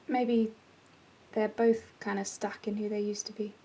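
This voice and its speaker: A woman's voice: medium pitch, flat delivery, measured pace, dark tone, lightly acted. A young actress playing a playful, teasing teenage girl in a stage drama. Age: young adult. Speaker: student actor.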